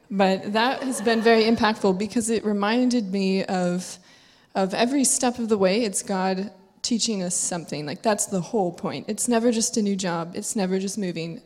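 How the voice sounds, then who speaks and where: A woman's voice: medium pitch, a little mellow. A woman sharing a personal testimony at church in an earnest, chatty way. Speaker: congregation member giving testimony. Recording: echoey church hall.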